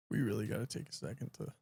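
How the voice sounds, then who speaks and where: A man's voice: mid-range voice, vocal fry, mellow, husky, dry recording, clean studio sound. A man co-hosting a podcast, trading blunt, crude banter in casual chat. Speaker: podcast co-host.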